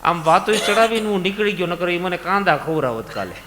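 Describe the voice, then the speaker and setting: High-voiced Gujarati preacher in a reverberant hall. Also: male voice, expressive, a little fast. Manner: dramatic swings between loud calls and soft low lines. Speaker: katha preacher. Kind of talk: devotional sermon storytelling. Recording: long reverb, music behind, live event. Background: musical instruments.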